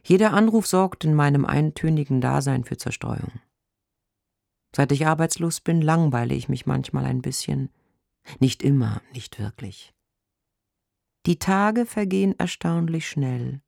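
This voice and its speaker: A man reads a first-person story in a wry, deadpan, gently melancholic way. His voice has a gravelly grain. The recording is close and dry, with no room sound. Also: fairly high pitch, unhurried, no room sound. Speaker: narrator.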